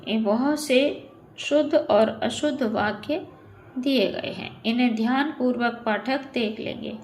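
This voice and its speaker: A woman's voice: fairly high pitch, unhurried, a little mellow, a little hiss or hum. A woman teaching Hindi grammar in a methodical way, reading each sentence and then correcting it. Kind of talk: online exam-prep lesson.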